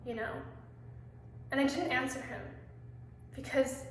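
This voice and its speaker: A young woman vlogger with a high-pitched voice, fairly even intonation, and measured pace tells a candid, rambling personal story to camera as a confessional storytime monologue. She swears often and fills her talk with fillers. The room is echoey, the mic set far off, with faint noise.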